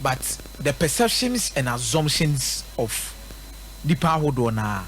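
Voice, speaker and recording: Here a Ghanaian-accented radio sports pundit delivers live football analysis, blending English with a local language and hammering his points home through rhetorical repetition. He speaks at a measured pace in a sing-song, mid-range voice, over a slight hiss or hum.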